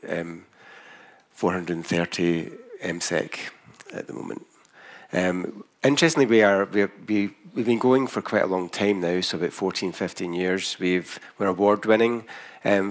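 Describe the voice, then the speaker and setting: A man with a broad Scottish accent giving a business presentation as a company founder, speaking carefully so listeners can follow. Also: low voice. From Scotland.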